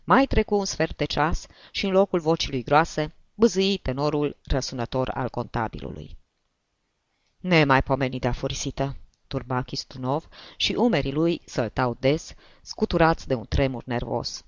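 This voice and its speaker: A woman narrating a story in an expressive reading style. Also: deep voice, few pauses, no echo. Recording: dull lo-fi recording.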